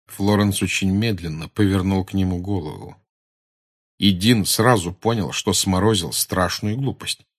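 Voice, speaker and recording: A man narrating an audiobook in a steady, measured reading voice. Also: sits low. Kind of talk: scripted narration.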